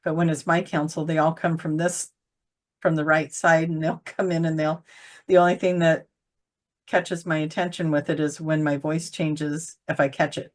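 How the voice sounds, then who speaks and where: A woman's voice: sits low, level tone, moderate pace. A woman in casual conversation about spiritual channeling, rambling and searching for words with many fillers. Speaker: channeler co-host.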